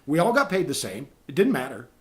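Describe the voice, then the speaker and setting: A man with a somewhat high voice hosts a relaxed talk show. He tells stories in an animated way and acts out the lines people said to him. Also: fairly quick. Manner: animated storyteller, acts out quotes. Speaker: podcast host and voice actor. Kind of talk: casual chat.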